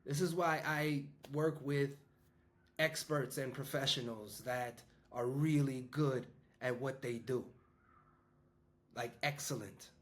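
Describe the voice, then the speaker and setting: A man's voice: medium pitch, fairly even intonation, slow. Rambling fifty-year-old New man. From New York. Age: 50s. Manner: rambling, conversational, frequent restarts and fillers. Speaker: business coach and school founder. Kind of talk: casual monologue to an audience.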